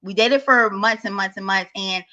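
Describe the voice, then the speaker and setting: Bright, cartoon-voiced woman on a lo-fi call. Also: mid-range voice, normal speed. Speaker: call-in guest. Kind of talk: casual personal storytelling. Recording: slightly dull, lo-fi call audio.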